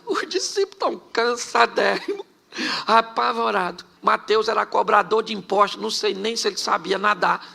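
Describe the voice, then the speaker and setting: A Brazilian man preaching a humorous storytelling sermon, animated and joking, often laughing between phrases. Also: sits high, creaky. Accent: Brazilian Portuguese. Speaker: pastor.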